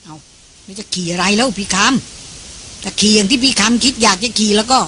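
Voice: medium pitch, moderate pace, pushed and bright, a little hiss or hum, close to an everyday voice. A reader voicing a cheeky young male head porter who teases and banters, for an audiobook. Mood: teasing.

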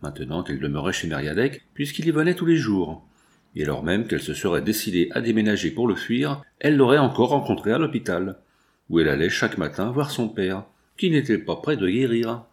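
A man reading a classic novel aloud as audiobook narration, in a measured, even storytelling manner. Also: lowish voice. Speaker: audiobook reader.

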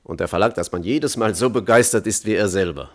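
A man with a fairly low-pitched voice acts the part of a physicist giving witness testimony in a German radio play. The character is thoughtful and conscience-stricken, and he speaks frankly and with restraint.

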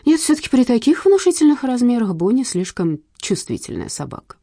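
A woman reading an audiobook in a lively, wry storytelling manner. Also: on the high side, fairly quick, breathy edge, no echo, clean studio sound. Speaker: narrator. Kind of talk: audiobook narration.

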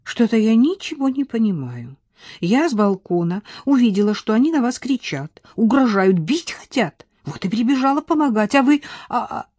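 Audiobook: woman as an impulsive young mother, emphatic, lively pitch. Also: moderate pace, breathy edge, no room sound, studio quality. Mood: bewildered.

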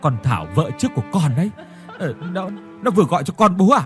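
A man's voice: high-pitched, big pitch swings, quick pace, over music, pitched above the performer's own voice. A man voicing a frightened, guilty young husband who stammers in panic. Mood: panicked.

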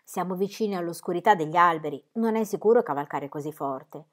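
A woman reading the part of a kindly, teasing middle-aged male country doctor, dry and gently mocking. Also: on the low side, fairly quick, close to an everyday voice. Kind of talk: audiobook character reading.

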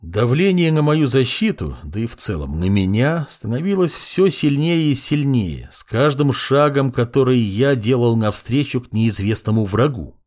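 A man narrating a first-person fantasy audiobook in an ironic, expressive way. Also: mid-range voice, normal speed, hardly any pauses.

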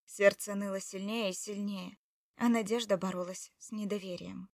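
Woman, audiobook narrator, emotional expressive reading, medium pitch, dry close sound. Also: moderate pace, gravelly, no echo, distant mic. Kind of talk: first-person audiobook narration.

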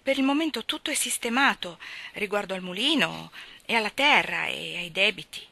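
Lady reading a serious teen boy, steady and earnest, bright voice. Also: mid-range voice, moderate pace, gravelly, no room sound. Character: teenage son, earnest, restrained. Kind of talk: audiobook character reading.

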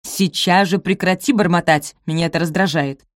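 A woman's voice: fairly low pitch, normal speed, no room sound, studio quality, natural voice. A woman reading aloud and voicing a harsh, domineering stepmother who gives orders. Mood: commanding. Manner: commanding, severe.

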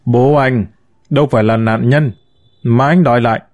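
A man's voice: medium pitch, steady tone, moderate pace, dry recording, clean studio sound, natural voice. A man voicing a bitter, lamenting mother. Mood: outraged. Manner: reproachful, lamenting, sharp-tongued. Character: bitter, wounded middle-aged mother.

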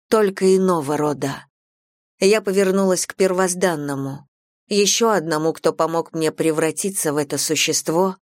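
A woman narrating a first-person audiobook in a measured, dramatic reading style on a close studio mic. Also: low-pitched, no room sound.

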